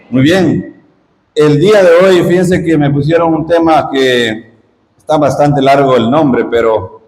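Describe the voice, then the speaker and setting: A man's voice: on the high side, darkish tone. A middle-aged man from Guatemala, a lay missionary giving a parish retreat talk in a conversational, teaching way, asking the audience questions. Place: church hall. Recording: echoey parish hall.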